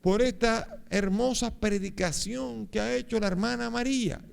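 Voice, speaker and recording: A preacher acting out an excited healed man who raises his voice in slow, high public thanks. The tone is gravelly yet smooth and carries well. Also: full character voice. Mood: joyful thanks.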